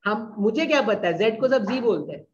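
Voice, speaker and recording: A man's voice: high voice, expressive, brisk. A man teaching a class in a casual way, often checking whether the students follow. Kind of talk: classroom lecture. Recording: dull lo-fi recording.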